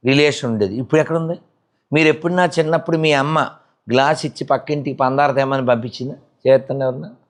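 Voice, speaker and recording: A man's voice: mid-range voice, steady tone, fast. Man giving a rhetorical religious talk. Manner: rhetorical, scolding, many questions. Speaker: spiritual speaker. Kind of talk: religious discourse.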